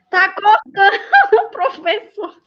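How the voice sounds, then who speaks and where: A woman's voice: very high voice, highs cut off, slight background noise. A woman student speaking over an online class call whose audio keeps breaking up from a bad internet connection. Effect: choppy, breaking-up call audio from a bad internet connection. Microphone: online video call.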